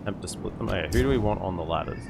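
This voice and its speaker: A man's voice: sits low, lively intonation, very fast, creaky, heavy background noise. A man giving casual strategy game commentary as a streamer, thinking aloud as he goes. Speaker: gaming streamer. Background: game music.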